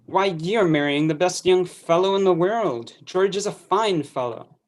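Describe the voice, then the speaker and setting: A girl playing a gentle, soothing father. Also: on the low side, unhurried, close to an everyday voice. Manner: soothing, reassuring. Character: gentle middle-aged father calming daughter. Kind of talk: amateur play reading.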